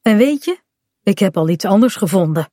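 A woman's voice: mid-range voice, animated, moderate pace, mellow, no room sound, clean studio sound, natural voice. A woman voicing a cheeky, playful little pirate boy in a children's storybook.

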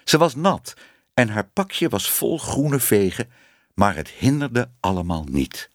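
Man, storybook narration, very lively pitch, dry close recording. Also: slow pace, no room sound. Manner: expressive reading with many voiced figures. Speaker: audiobook narrator.

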